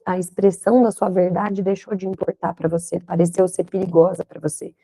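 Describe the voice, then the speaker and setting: Mellow-voiced woman teaching, full of questions. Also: fairly low pitch, flat delivery, fairly quick, breathy edge, low-quality recording. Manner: reflective, asks many questions, frequent "né?". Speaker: instructor. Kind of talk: recorded online lecture.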